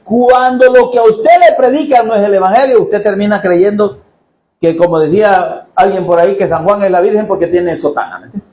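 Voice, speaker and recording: A man preaching a sermon in a church, jokey and animated, often asking the congregation questions. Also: high voice, a little fast, roomy sound, poor audio.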